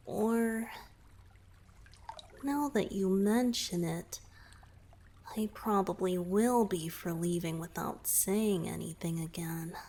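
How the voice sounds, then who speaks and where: In a romantic ASMR roleplay, a woman with a mid-range voice fully takes on the character of a gentle young merman boyfriend. She speaks softly and hesitantly, often drifting into breathy whispers, and comes across as evasive and flustered.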